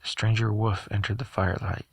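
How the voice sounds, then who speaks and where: Guy reading an audiobook, low husky voice, trips on a word now and then, dry close sound. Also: brisk, no room sound. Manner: steady reading with occasional stumbles and self-corrections. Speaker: audiobook reader. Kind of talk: audiobook narration.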